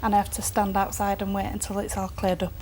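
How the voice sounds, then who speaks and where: A woman's voice: medium pitch, completely flat delivery, fast talker, a little mellow, a little hiss or hum. A woman giving a personal account in a plain-spoken, down-to-earth way. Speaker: phobia sufferer and guest.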